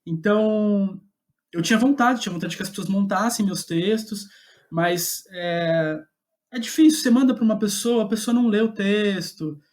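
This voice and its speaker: A man with a Brazilian accent and a high-pitched, somewhat dark voice talks at a moderate pace. He's a guest playwright in an interview, casually recounting his own career with self-deprecating chuckles.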